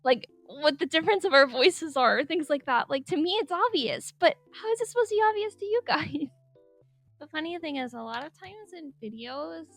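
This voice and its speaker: With lively intonation and a brisk pace, an artist gives casual voice-over commentary on her speedpaint. The recording has no echo; her high, light voice is pushed above its normal pitch, and she rambles, giggles and leans on "like," with soft music faint in the background.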